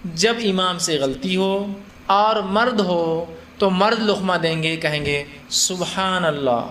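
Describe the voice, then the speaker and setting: A man's voice: sits high, a bit bright, a little hiss or hum. A man giving a religious lecture, explaining conversationally by asking and answering his own questions and acting out scenes. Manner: acts out scenes with shifted voices. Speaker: Islamic lecturer.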